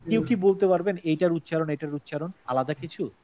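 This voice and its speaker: A man's voice: a little high, fast, dark tone, dull audio. A man from Bangladesh teaching Quran recitation to an online class, explaining and asking the class questions.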